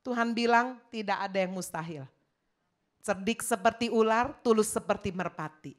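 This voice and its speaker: A woman's voice: mid-range voice, moderate pace. A woman pastor preaching a sermon in an emphatic way, talking straight to her congregation.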